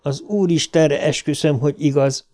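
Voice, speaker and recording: A man's voice: fairly high pitch, dark tone, voice pushed up, close to an everyday voice. A man reading an audiobook, voicing a frightened young boy who answers tensely and defensively. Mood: shaken, defiant. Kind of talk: audiobook character voice.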